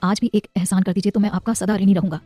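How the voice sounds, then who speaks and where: A woman's voice: mid-range voice, flat delivery, fast talker, warm tone, dry recording, faint music behind, close to an everyday voice. Woman voicing an old man in debt. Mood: pleading. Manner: pleading. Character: older man in debt, desperate and harsh.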